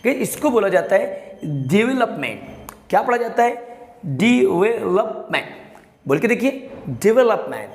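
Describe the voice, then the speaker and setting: A man teaching English pronunciation to viewers, emphatic and repetitive, drawing each word out slowly and urging everyone to say it with him. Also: extremely high pitch. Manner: addresses viewers as guys, coaxing them to repeat. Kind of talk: classroom-style pronunciation lesson. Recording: echoey room with long reverb.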